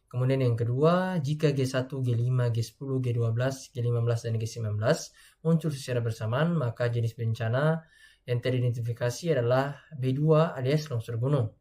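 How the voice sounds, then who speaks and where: A man's voice: mid-range voice, a little fast, warm tone. Young man giving a hesitant class presentation. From Indonesia. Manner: hesitant, many filler sounds, reads lists of codes. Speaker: student presenter.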